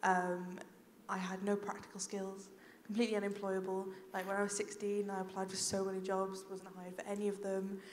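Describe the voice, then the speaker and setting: Heard in an echoey hall with faint noise, a young woman with a Welsh Valleys accent talks to an audience. Her pitch stays even and her manner is informal and self-deprecating. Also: brisk. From South Wales Valleys. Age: early 20s. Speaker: panel speaker, final-year student. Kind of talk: informal panel talk to an audience.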